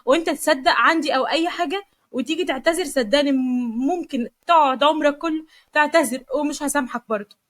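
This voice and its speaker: Brief: woman voicing a proud young Egyptian wife, storybook read, fast and light. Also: high-pitched, a bit bright, dry recording, pitched above the performer's own voice. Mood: teasing. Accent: Egyptian Arabic.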